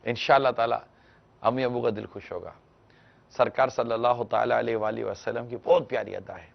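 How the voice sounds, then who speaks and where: A man in the middle of the pitch range answers a caller on a religious program in a patient, teaching tone. He now and then acts out bits of family dialogue to make his point. His voice has a gravelly edge, and the broadcast audio sounds somewhat dull. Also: fairly even intonation. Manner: gentle, instructive, acts out household dialogue. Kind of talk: televised religious advice talk.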